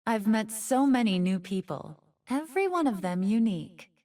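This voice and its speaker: Woman as high, expressive fox spirit Ahri. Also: normal speed, far from the mic, natural voice. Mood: earnest, hopeful. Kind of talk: game character voice lines.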